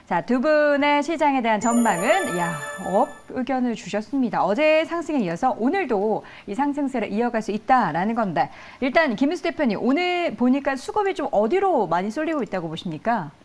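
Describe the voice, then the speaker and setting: Lively woman hosting a TV market show. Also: fairly high pitch. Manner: lively, guiding questions with quick backchannels. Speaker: TV show host. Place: TV studio.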